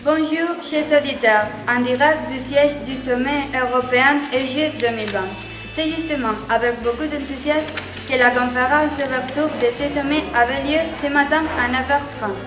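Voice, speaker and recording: A high-pitched woman reporter delivers an upbeat on-site news report. Her voice rings in an echoey room with music playing behind her. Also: moderate pace. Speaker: field reporter.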